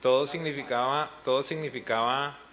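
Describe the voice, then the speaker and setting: A man's voice: mid-range voice, steady tone, normal speed, fairly bright tone, a little hiss or hum. A middle-aged man, a pastor, telling a personal story with feeling, sometimes retelling moments when he was in tears. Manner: earnest storytelling with emotional retellings. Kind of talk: testimony in a pastors' panel talk.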